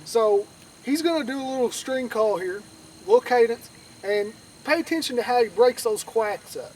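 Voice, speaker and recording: Male instructor, noticeably high voice, conversational teaching style, distant outdoor recording with faint noise. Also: expressive, moderate pace, darkish tone. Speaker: duck calling instructor.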